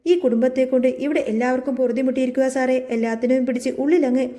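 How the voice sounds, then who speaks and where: Spiteful middle-aged village man, pushy accuser; a woman reads it at a quick clip. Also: very high voice, fairly even intonation, mellow. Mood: accusing.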